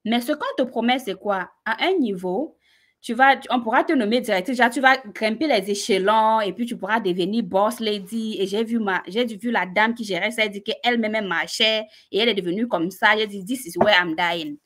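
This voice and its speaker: Talking briskly in a medium-pitched voice, a woman with a Cameroonian French accent recounts her own story to listeners on a live stream, animated and direct.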